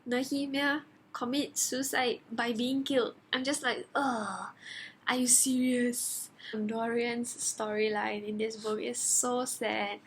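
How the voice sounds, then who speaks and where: A woman giving a casual book review for her vlog, gushing and animated as she acts out her own reactions. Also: fairly high pitch, gravelly, slight background noise. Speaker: book vlogger.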